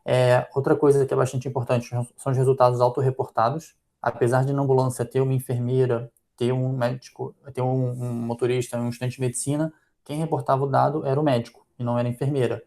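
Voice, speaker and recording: A man's voice: mid-range voice, flat delivery, fast, creaky, few pauses, mellow. A man with a Brazilian Portuguese accent, a physician presenting a journal club critique, thinking aloud with frequent fillers.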